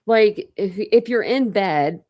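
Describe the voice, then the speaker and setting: Her speech is slow and animated, medium in pitch and a little mellow, with a slight lisp caused by a dental retainer. In her forties, she runs a relaxed true crime livestream, musing out loud and wandering as she talks to viewers.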